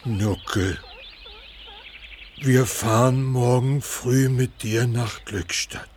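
An actor playing a kind, worried young zoo helper who talks earnestly and gently in a children's audio drama. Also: male voice, medium pitch, extremely slow, a little hiss or hum. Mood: tender.

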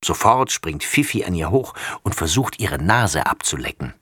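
A man reading a children's story aloud with lively, expressive narration. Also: sits low, normal speed, slightly rough, no echo, studio quality.

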